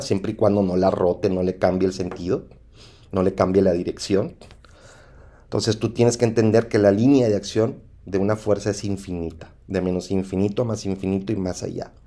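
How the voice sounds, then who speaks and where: A man with a Mexican accent teaching an engineering lesson over slides, often pausing with "¿sí?" to check understanding. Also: fairly low pitch, warm tone. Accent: Mexican Spanish. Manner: repetitive, asks "¿sí?" to check understanding. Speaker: engineering instructor.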